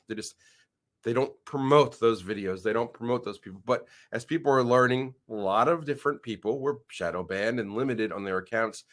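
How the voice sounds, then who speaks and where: A man with a mid-range, slightly bright voice casually talks through news on his own channel as he shares his screen. A head cold leaves him a little nasal, and he tends to ramble, pausing and restarting his sentences often.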